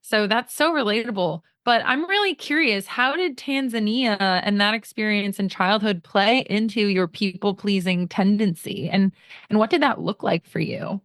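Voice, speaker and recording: A woman's voice: mid-range voice, normal speed, fairly bright tone, no echo, studio quality. A woman hosting a podcast, upbeat and encouraging as she introduces a guest and asks questions. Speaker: podcast host. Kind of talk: podcast interview.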